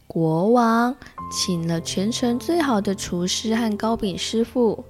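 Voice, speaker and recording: A woman with a Taiwanese Mandarin accent reading a children's picture book aloud, slowly and gently. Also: on the high side, faint music behind. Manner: slow, gentle and expressive. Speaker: storyteller.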